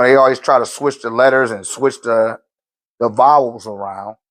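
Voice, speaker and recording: A man with a mid-range voice hosts a spiritual live stream, speaking loosely in slang and answering viewers' questions in a relaxed, conversational way.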